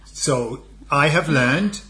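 Relaxed joking man co-hosting a lesson. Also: a little high, very slow. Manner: relaxed, jokey, frequent agreement sounds. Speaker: co-host and learner. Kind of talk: casual language lesson.

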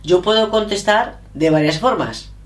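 A woman's voice: mid-range voice, moderate pace. Hesitant middle-aged woman, roomy. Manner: hesitant, self-correcting, thinking aloud. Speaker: interviewee, learner of English. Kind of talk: casual chat. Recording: echoey room.

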